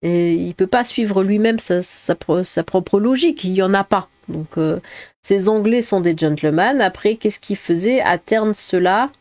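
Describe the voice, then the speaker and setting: Woman streamer, mid-pitched, blunt and rambling live commentary, dry close mic. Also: unhurried, a little mellow, dry recording. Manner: blunt, opinionated, rambling asides. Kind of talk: live reaction commentary and reading chat.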